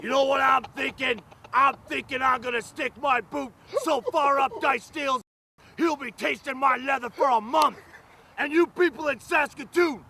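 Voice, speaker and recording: A man delivering a wrestling promo with menacing, drawn-out threats in a gravelly voice. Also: extremely high pitch, pushed and bright. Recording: clear background noise.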